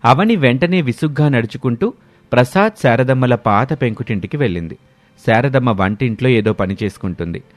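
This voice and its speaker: A man narrating a moral storybook in a steady, expressive way. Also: mid-range voice, fairly quick, no room sound.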